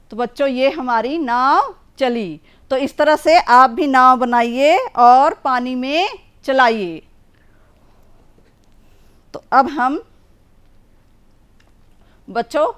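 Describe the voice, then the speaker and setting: Slow, patient, high-voiced woman teacher. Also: fairly bright tone, clean tone. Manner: slow, patient, drawing out sounds for children. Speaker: primary school teacher. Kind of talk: children's Hindi lesson.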